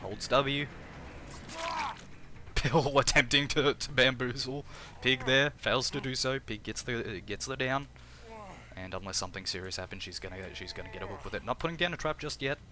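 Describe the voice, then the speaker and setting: A man with an Australian accent casting a live game tournament in a chatty, energetic way, often restarting his phrases. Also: mid-range voice, normal speed, noisy background. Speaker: tournament caster and streamer.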